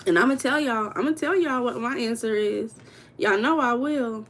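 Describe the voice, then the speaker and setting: A woman's voice: fairly high pitch, moderate pace, fairly bright tone, slight background noise. American woman, livestream host, casual and chatty, talks straight to her viewers. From United States. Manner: chatty, addresses viewers as y'all, reads comments aloud.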